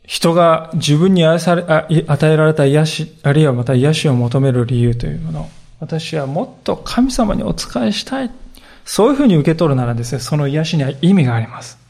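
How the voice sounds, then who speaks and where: A man preaching a sermon as a pastor, telling the story with earnest, animated delivery. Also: a little high, fast talker, few pauses.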